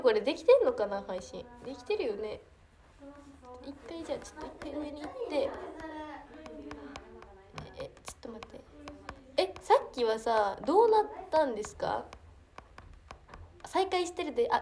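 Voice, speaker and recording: Brief: teen girl, Kansai accent, fairly high voice, chatty and giggly livestreamer on a phone. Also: darkish tone. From Hyogo, Japan. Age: teens. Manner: chatty, giggly, reacts to comments. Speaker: idol trainee livestreamer. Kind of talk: casual livestream chat reading comments.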